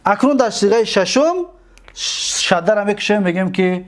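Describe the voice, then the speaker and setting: A man with a Tajik accent teaching a seminary lesson on Arabic grammar, repeating his points patiently and drawing out each example word slowly. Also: high-pitched.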